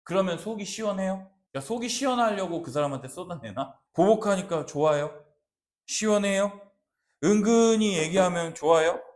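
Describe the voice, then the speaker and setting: Male pastor, fairly high voice, very lively sermon delivery with acted-out quotes. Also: moderate pace. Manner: animated, acts out quoted lines, asks rhetorical questions. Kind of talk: expository sermon.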